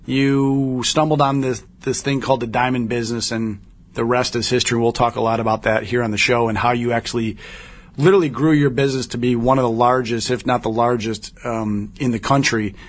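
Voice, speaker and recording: A man hosting a show, introducing his guest and asking a question in a measured, conversational way. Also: medium pitch, steady tone. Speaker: show host.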